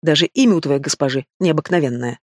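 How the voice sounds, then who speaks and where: A man's voice: on the high side, fast talker, no room sound, studio quality, close to an everyday voice. A man reading the part of an arrogant male demon with a purring, insinuating manner. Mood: smug.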